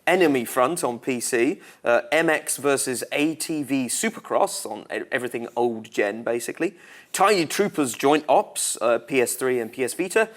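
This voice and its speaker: A man's voice: mid-range voice, moderate pace. Laid back guy hosting a gaming tv show, jokes a bit while reading the new releases. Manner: relaxed, lightly joking delivery. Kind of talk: casual studio presenting.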